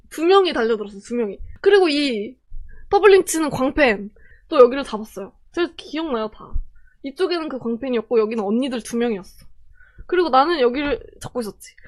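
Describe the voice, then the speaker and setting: A young Korean woman telling a personal story in a casual, animated way, acting out the quoted voices. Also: high-pitched, moderate pace.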